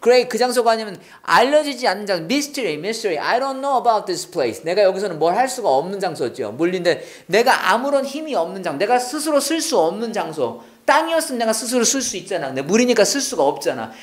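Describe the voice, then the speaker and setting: A teacher leads a church-flavored English listening class. Lines are read out slowly and repeated as a drill, then explained at a brisk clip. The voice sits at a middling pitch. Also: very animated. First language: Korean. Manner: drills phrases by repeating them, switches between quick explanations and slow reading.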